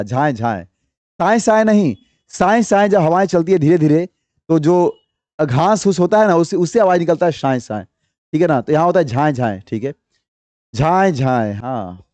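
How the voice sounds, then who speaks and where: A man's voice: sits high, a little mellow, no echo. A young man teaching an online exam-prep lesson, explaining step by step, repeating each answer and quizzing his viewers.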